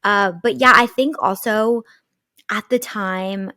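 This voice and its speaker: A woman's voice: medium pitch, slow pace, no room sound, studio quality. Chatty young woman telling a story. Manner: animated storytelling, lots of "like" fillers. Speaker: podcast co-host. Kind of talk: casual chat, storytelling.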